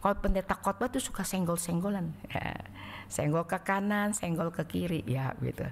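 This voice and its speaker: A woman evangelist preaching a sermon in a church sanctuary, animated and acting out the people she describes. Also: on the low side, normal speed. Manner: animated, acts out quotes, swings loud and soft. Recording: echoey church hall.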